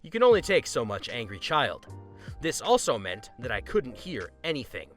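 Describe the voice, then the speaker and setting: A man narrating a first-person story in an expressive, scripted reading. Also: medium pitch, normal speed, soft background music.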